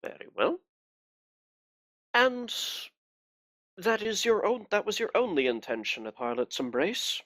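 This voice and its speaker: A man voicing a softly polite, menacing inquisitor in a tabletop game, formal and courteous as he interrogates. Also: sits high, very animated, unhurried, long pauses, voice pushed up, heavily acted. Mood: politely probing.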